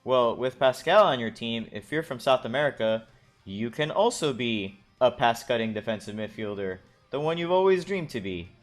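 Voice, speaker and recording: A man co-hosting a casual gaming podcast, animated and teasing, sometimes acting out silly voices. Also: medium pitch, moderate pace. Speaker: podcast co-host. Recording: faint music bed behind.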